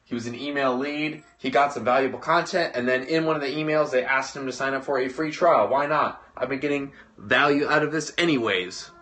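A young man hosts a casual livestream teaching marketing at a whiteboard, speaking at a middling pitch with energetic, slangy delivery, gesturing and acting out short dialogues. He talks briskly with hardly any pauses. The audio is picked up by a phone camera some distance away in an indoor room.

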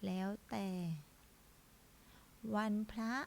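A woman teacher leading young children through a word-reading drill, reading each word and then repeating it slowly and clearly. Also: a little mellow, faint music behind. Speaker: primary school teacher.

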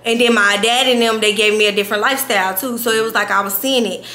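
A young adult woman chatting casually in an animated, slangy way. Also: on the high side, fast talker. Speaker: vlogger. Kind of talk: casual chat. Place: indoors at a home dining table. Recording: echoey room.

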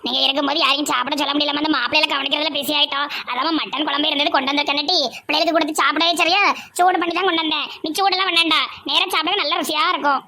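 Fast, gravelly cartoon village aunt played by a woman. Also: sits high, fairly even intonation, sharp tone. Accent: Tirunelveli Tamil. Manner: gossipy, fast chatter. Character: chatty middle-aged village aunt, generous.

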